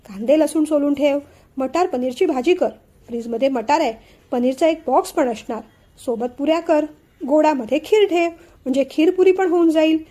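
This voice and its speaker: A woman voicing a calm young sister-in-law who talks a frightened girl through cooking in a teacherly, soothing way. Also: high-pitched, close to an everyday voice.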